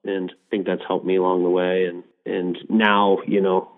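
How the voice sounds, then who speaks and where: A middle-aged man with a lowish voice talks as a podcast guest, reflective and easygoing, with a ready laugh. He comes through a narrow, tinny phone line. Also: level tone, normal speed. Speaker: guest, mental health association director. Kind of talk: casual interview chat.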